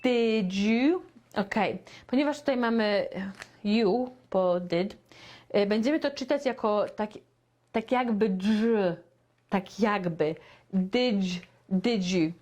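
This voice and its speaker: A young woman teaching beginner English, repeating phrases slowly and clearly for learners. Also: mid-range voice, a little mellow. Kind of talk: slow beginner language lesson.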